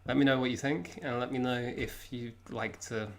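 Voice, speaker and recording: A man's voice: medium pitch, steady tone, normal speed. A young man with an English accent, hosting a casual live reaction, chatty and self-mocking. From England. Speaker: vlogger host.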